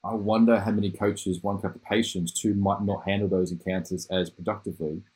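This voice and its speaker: Husky, low-voiced man enthusing in chat. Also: little pitch movement, fairly quick, a little mellow, poor audio. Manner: enthusiastic, rambling, restarts phrases. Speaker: podcast host. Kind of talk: casual conversational interview.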